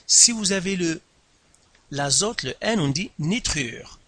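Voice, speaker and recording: A man teaching a class in a lively, bright voice that is a touch husky. He talks slowly and deliberately, stressing every term and repeating key words, with big leaps in pitch. The sound is dry and close. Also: no echo. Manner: slow, deliberate, repeats terms and stresses syllables, pitch jumps. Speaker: science teacher. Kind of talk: classroom lesson explaining at a board.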